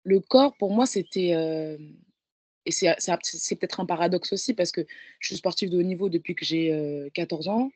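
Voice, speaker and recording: A Parisian woman in her twenties, a professional handball player, speaks as a guest in a conversation, casual and reflective. Her voice is on the low side and a little mellow, at a moderate pace, with no room sound.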